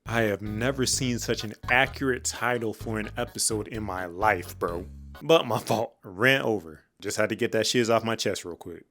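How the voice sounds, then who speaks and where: A man's voice: on the low side, normal speed, fairly bright tone, soft background music. A man giving comedic commentary on cartoon episodes, joking and ranting in slangy speech. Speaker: cartoon reviewer.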